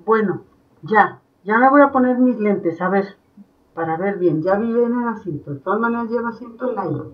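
A woman teaching young children in an online class, with a Mexican Spanish accent, explaining slowly and patiently step by step. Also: medium pitch, animated, recorded from a distance. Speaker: primary school teacher. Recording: dull sound from off the mic.

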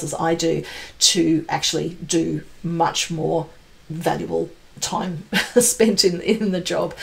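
Speaking in a gravelly, low-pitched voice, a forties-aged tech presenter with pre-sales experience walks through product announcements. Her delivery is eager, chatty, and full of emphasis.

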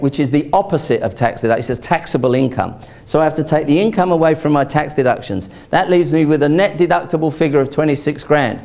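A man presenting a live seminar, animated and rhetorical, constantly checking in with his audience. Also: fairly high pitch. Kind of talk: live property investment seminar.

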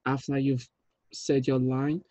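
A man directing a table read, giving relaxed, encouraging notes with plenty of ums. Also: medium pitch, measured pace, no room sound. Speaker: film director. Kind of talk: casual feedback after a table read. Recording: dull lo-fi dry audio.

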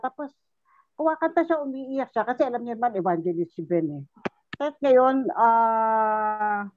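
A woman sharing a personal story in an online Bible study, halting and repeating herself, often quoting what others said. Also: a little high, no room sound. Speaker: church member sharing testimony. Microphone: video call. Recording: tinny phone-like call audio.

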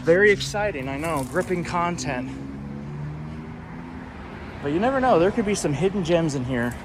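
Expressive and fairly high-pitched, this man speaks at a moderate pace. He's an urban exploration vlogger ambling around a building exterior, offering loose commentary full of dry self-deprecation, with traffic noise and street ambience behind him.

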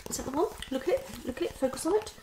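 A woman around her thirties performs an ASMR psychologist roleplay indoors in a small living room, muttering and repeating herself as she slips between whispers and speech in a fast, unpredictable style. Her high voice is expressive and rapid-fire. The recording is very noisy.

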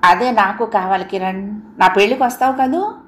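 Woman reading a calm, sad young woman. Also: medium pitch, normal speed, natural voice. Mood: restrained. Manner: quiet, restrained sadness. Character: young woman calmly ending a romance. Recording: roomy echo.

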